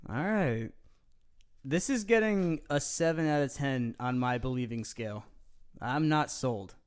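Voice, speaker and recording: A man's voice: medium pitch, expressive, a little slow, clean tone. A young man co-hosting a podcast, cutting in with crude, teasing jokes. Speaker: podcast co-host. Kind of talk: casual chat.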